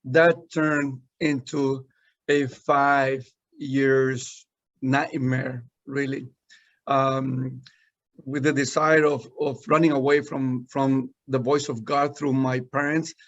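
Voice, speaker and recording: A middle-pitched man tells his faith story in earnest, with many restarts and fillers. The audio is dull and lo-fi. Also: level tone, slow pace, a bit bright. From Guatemala. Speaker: senior pastor, guest. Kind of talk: personal testimony in conversation.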